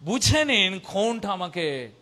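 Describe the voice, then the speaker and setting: A man's voice: high-pitched, very animated, slow, bright, forceful tone. A man preaching a sermon in Bengali learned as a second language, with a foreign accent, exhorting listeners with repeated phrases and rhetorical questions. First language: not Bengali, learned it as an adult language.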